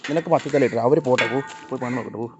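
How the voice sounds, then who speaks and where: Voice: medium pitch, very fast. A speaker, calling cats over to feed them in short coaxing and scolding bursts. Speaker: vlogger feeding cats. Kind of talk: casual talk to pets. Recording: dull lo-fi sound with faint noise. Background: cats meowing.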